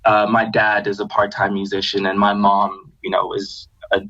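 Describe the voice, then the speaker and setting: Young man from Zambia, low voice. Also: moderate pace. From Zambia, raised in Botswana. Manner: relaxed storytelling with many fillers. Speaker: guest singer-songwriter. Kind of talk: casual podcast chat. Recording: slightly dull lo-fi podcast audio.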